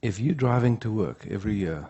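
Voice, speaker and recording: A man gives an unhurried spiritual teaching talk at a retreat, pausing often to check in with the room. His voice sits low and gravelly, with a dark, husky tone. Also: animated, dull audio.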